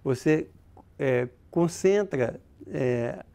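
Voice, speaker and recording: A man's voice: a little high, lively intonation, drawn-out words, creaky, mellow. A Brazilian man, a demographer, explaining concepts in an interview with many hesitations. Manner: hesitant, many fillers and restarts while explaining.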